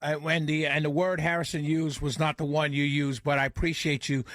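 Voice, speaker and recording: A man from the United States hosting a radio interview, asking questions in a courteous, deliberate, halting way. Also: a little high, little pitch movement, fairly bright tone, no echo, studio quality. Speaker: radio show host.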